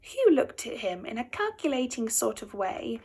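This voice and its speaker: A woman narrating a children's story in a playful, expressive way. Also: a little high, normal speed, husky.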